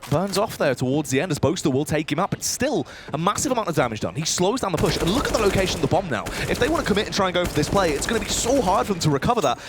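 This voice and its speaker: A male esports caster with a slightly high voice delivers excitable play-by-play at a rapid clip. His phrasing is dramatic and punchy, and game gunfire and clicks run clearly behind him. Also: background noise. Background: video game gunfire and clicks.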